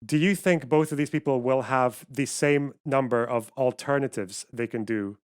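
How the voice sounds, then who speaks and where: A man's voice: medium pitch, normal speed, clean tone, no room sound, studio quality. A man arguing in a heated online debate, insisting and repeating his questions while his voice keeps cutting in and out over the call. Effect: voice cutting in and out over a call connection. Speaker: debate caller.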